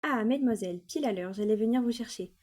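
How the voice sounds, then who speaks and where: A woman voicing a kind but firm female schoolteacher in a toy play-acting story, brisk and directive. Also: a little high, mellow, lightly acted.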